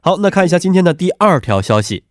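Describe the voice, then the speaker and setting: A man's voice: sits high, very animated, fast, studio quality. A man with a congested, stuffy nose hosting a radio phone interview in a polite, attentive manner. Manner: polite, attentive, echoes answers back. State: allergic rhinitis. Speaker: radio host.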